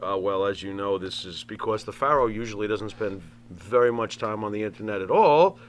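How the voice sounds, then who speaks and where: A man's voice: lowish voice, brisk, slight background noise. A man chatting casually as a talk show co-host, emphatic and repeating words for effect.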